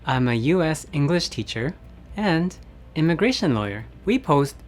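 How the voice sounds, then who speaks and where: An American man in a beginner English lesson, speaking deliberately and encouraging learners to repeat simple phrases. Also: fairly high pitch, big pitch swings, soft background music. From United States. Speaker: English teacher. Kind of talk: slow, clear beginner language lesson.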